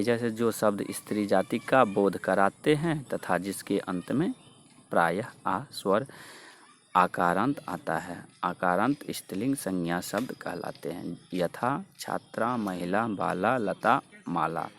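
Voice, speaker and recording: Man, teacher, low voice, slow deliberate recitation, grammar drill. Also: a bit bright. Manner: slow, repeats word forms for students to echo. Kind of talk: Sanskrit grammar lesson with drills.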